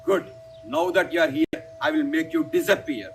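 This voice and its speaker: A man's voice: very high voice, wildly swooping pitch, moderate pace, creaky, a little hiss or hum, exaggerated voice. A man voicing Wali, an arrogant, mighty monkey king, boasting and threatening in rhyming storybook verse. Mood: menacing.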